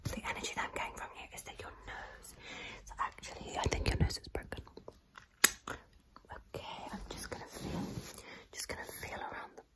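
A young woman performs a whispered role-play as an ASMR doctor. Her voice stays in a breathy, unvoiced whisper very close to the microphone. She whispers fast and chaotically, often repeating short phrases over and over. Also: poor audio. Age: young adult. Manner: chaotic, repetitive, repeating phrases and words rapidly. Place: dim room at home, indoors. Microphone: close to the mic and camera.

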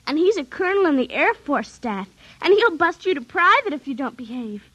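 A woman's voice: high voice, very animated, a little fast, fairly bright tone, no room sound, lo-fi sound. A woman playing a little girl who pleads and whines in a radio drama. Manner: pleading, whiny.

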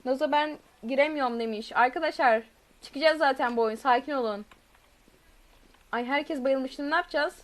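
A woman's voice: sits high, moderate pace. A woman streaming a game live, chatting with viewers, reading their messages aloud and shrieking when chased. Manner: reads chat messages aloud. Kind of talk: live gameplay commentary.

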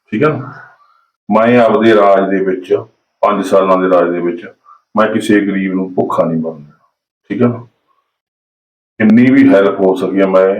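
A man's voice: on the low side, echoey room, dull audio, close to an everyday voice. A man playing a village headman in a short film, who keeps asking for agreement and argues back with his wife. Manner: keeps asking "okay?", defensive when scolded. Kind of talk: amateur short film acting.

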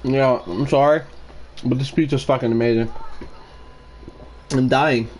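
A man's voice: mid-range voice, steady tone, unhurried, a little mellow, slight background noise. A man talking casually to his livestream chat, hyped up, repetitive and swearing freely.

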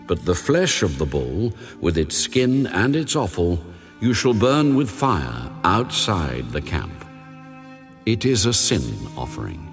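Deep reverberant God-like deity, solemn, authoritative, deliberate, sweeping intonation, audio Bible drama, music underneath. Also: male voice, wildly swooping pitch, full character voice. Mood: solemn, commanding. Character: God, solemn commanding male deity giving sacred instructions. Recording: long reverb over background music.

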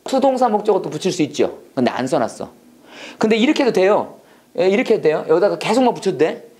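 An instructor teaches prayer-English in a classroom, with a voice that leaps up and down across a wide, expressive range. Questions keep coming at the students, who are pushed to repeat each line. Casual explanation alternates with English phrases spoken slowly and deliberately. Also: medium pitch. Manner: lively, coaxing, asks the class questions and has them repeat; switches between Korean explanation and slow English model phrases. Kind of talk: classroom lecture with call-and-response drills.

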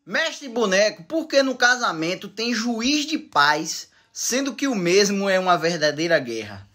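A man's voice: sits high, very animated, unhurried, pushed and bright. A man hosting a couple's comedy Q&A, teasing his partner and giving mock-wise answers to viewer questions. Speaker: comedy couple channel host. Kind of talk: joking couple Q&A.

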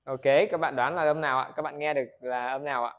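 A man's voice: mid-range voice, fairly even intonation, quick pace, dull audio. A Vietnamese man teaching English pronunciation in a video lesson. He keeps asking the viewers questions, answers them himself and models words for them to repeat.

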